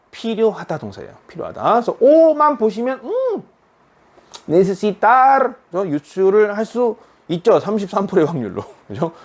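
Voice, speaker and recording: Lively Korean man teaching Spanish. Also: a little high. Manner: explains step by step, reads example sentences slowly. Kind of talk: online language lesson.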